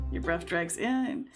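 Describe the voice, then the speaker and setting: Slow, gravelly woman reading a game. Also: fairly low pitch. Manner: reads slowly, with amused asides and laughs. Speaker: game streamer. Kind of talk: reading a story game aloud with comments. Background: game music.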